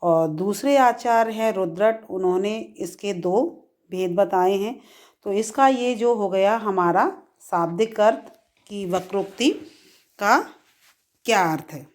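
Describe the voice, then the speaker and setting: Woman, middle-aged Hindi teacher, unhurried delivery, lifts her voice for verse examples. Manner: slow, deliberate explaining, repeats key phrases; recites verse examples higher and louder. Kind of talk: grammar lesson.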